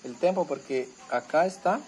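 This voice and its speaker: A man hosting a keyboard tutorial, explaining step by step in a halting, casual way with many fillers and restarts. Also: a little high, a little hiss or hum, rough recording. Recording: loud keyboard music behind.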